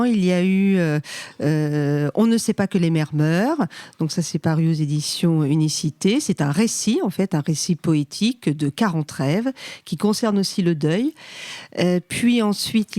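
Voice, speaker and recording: A woman's voice: on the low side, a little mellow, no echo, clean studio sound. Thoughtful woman guest in her fifties. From France. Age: 50s. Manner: thoughtful, many fillers and restarts. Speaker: guest poet and psychoanalyst. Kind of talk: conversational interview answers. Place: radio studio.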